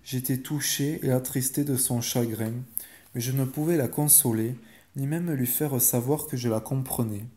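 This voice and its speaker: Mellow-voiced male bedtime storyteller. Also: medium pitch. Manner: calm and measured.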